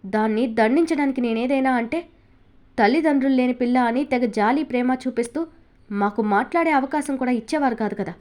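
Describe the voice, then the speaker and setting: A woman's voice: high-pitched, brisk, darkish tone, close to an everyday voice. A woman voicing a cruel, sarcastic middle-aged aunt in a storybook reading. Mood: contemptuous rage. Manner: sarcastic, harsh.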